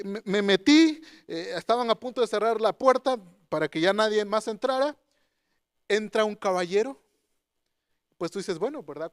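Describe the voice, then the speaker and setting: Man, preacher, high voice, dry close sound. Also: no room sound. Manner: storytelling, rhetorical questions to listeners. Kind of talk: sermon with personal story.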